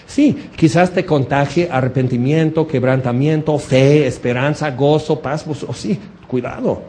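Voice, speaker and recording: Preacher guy, high-ish mellow voice, acts out quotes and does little impressions, jokes w the crowd. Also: unhurried. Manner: lively, acts out quotes and mimics people; jokes with the congregation. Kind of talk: sermon.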